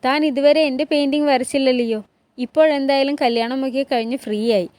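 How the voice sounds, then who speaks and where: A woman voicing a commanding male sultan in a recap of a historical TV drama, giving his lines in a measured, gently authoritative way. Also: high-pitched, fairly even intonation, lightly acted. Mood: calm.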